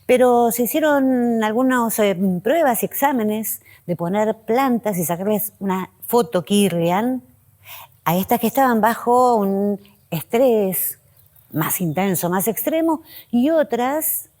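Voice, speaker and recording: A woman hosting a reflective spiritual talk, speaking in pausing, list-like phrases that often drop softly in pitch. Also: lively intonation. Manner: slow, pausing, list-like delivery with soft drops in pitch. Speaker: host.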